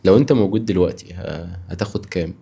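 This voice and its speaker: Male host, Egyptian accent, natural unscripted talk, deep warm tone, probing short questions, casual. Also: fast, creaky, husky. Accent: Egyptian Arabic. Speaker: interview show host.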